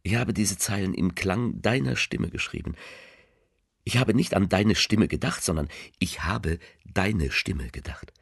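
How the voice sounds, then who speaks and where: A man voicing a letter writer who speaks tenderly to a loved one, reading slowly and softly in a radio play, often sinking into a near whisper. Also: dry recording, clean studio sound, exaggerated voice. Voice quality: very deep, gravelly, husky. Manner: slow, hushed, often half-whispered.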